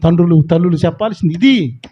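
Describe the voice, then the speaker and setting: A man's voice: high-pitched, quick pace, warm tone, slightly rough, lo-fi sound. A man preaching a sermon as a pastor, emphatic, with frequent rhetorical questions.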